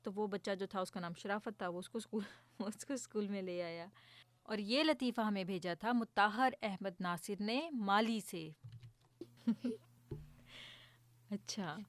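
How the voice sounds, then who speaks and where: A woman's voice: mid-range voice, no room sound. A young woman hosting a children's program, chatting casually, explaining jokes and laughing often. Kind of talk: casual explanatory chat for kids.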